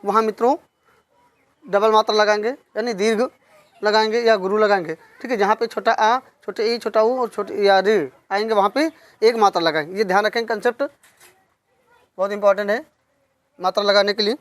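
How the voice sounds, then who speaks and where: A woman's voice: medium pitch, steady tone, dry recording. Woman teacher going over poetry terms, says them again and again, asks then answers herself, dead dry close sound. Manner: repeats key terms slowly, asks and answers her own questions. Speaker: Hindi literature teacher. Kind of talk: online exam-prep lesson.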